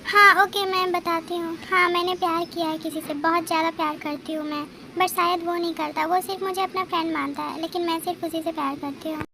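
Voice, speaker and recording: A woman's voice: very high-pitched, fairly even intonation, a little fast, hardly any pauses, bright, forceful tone, a little hiss or hum, full character voice. A woman voicing a heartbroken, lovesick young woman who pleads through tears in a fan audio drama. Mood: lovesick, hurt. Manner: pleading, emotional delivery.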